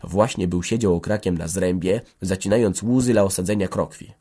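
A man narrating a novel in a steady storytelling reading. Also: deep voice, brisk, husky. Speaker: audiobook narrator. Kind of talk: scripted narration.

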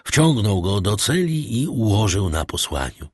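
A man reading a classic novel as an audiobook narrator, in a measured, even literary manner. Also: lowish voice, husky, no echo, studio quality.

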